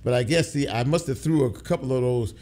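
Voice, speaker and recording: A man's voice: medium pitch, brisk, warm tone. A middle-aged man hosting a radio show in a studio, talking casually and rambling with repeated words.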